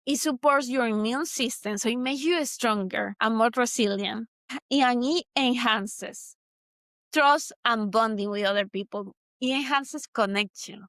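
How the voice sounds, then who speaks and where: Recorded in clean studio sound without echo, a podcast host from Venezuela delivers a solo motivational talk in a Venezuelan Spanish accent. Her voice is a little high and a bit bright, and her earnest, reflective manner includes repeating points for emphasis.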